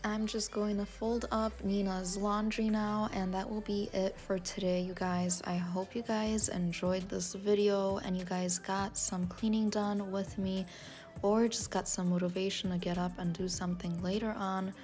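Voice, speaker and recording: Woman home-cleaning vlogger, casual and friendly chat to the audience, medium pitch, soft music underneath. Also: little pitch movement, moderate pace. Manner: chatty, keeps saying "you guys".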